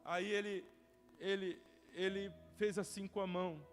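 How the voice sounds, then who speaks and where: A young male pastor with a Brazilian Portuguese accent preaching a sermon, telling stories with strong feeling and swinging from loud cries to hushed whispers. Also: high-pitched, little pitch movement, unhurried. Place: church hall. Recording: church hall reverb with soft music.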